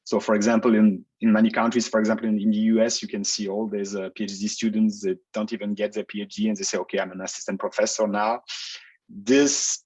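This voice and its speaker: A man's voice: on the low side, flat delivery, fast talker, a little mellow, slightly rough, poor audio. A man who grew up in Belgium, a researcher answering interview questions in a casual, hesitant way with many fillers and restarts, speaking over a video call. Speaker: researcher guest.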